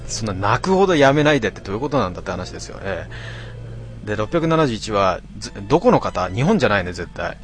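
A man hosting a casual late-night stream, reading out listener comments with grumbling asides and frequent throat clearing. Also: lowish voice, big pitch swings, fast. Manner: grumbling, talks to himself, mock-annoyed asides.

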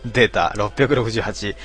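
Low-voiced man grumbling through a stream. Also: fairly bright tone. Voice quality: frequent throat clearing. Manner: grumbling, talks to himself, mock-annoyed asides. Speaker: livestream host reading listener comments. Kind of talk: casual late-night stream chat.

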